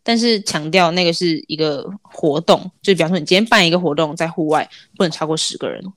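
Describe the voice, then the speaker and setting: Fast-talking Taiwanese woman telling stories. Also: deep voice, no echo, studio quality. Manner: animated anecdote telling with quoted dialogue and casual swearing. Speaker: podcast co-host. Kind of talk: casual chat, storytelling.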